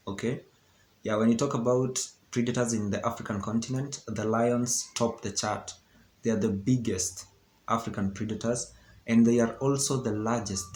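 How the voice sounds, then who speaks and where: A young Kenyan vlogger with a Kenyan accent, whose first language isn't English, explains things in a chatty educational vlog, often checking in with "okay? yeah". His mid-range voice is a little mellow. The recording has a roomy echo and faint background hiss.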